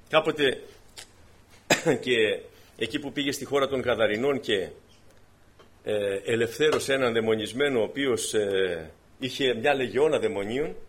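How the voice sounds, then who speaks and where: A man preaching a sermon to his congregation, swinging from quiet explanation to emphatic, raised exhortation. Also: mid-range voice, slightly rough. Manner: preaching with emphatic rises and drops, addressing brothers.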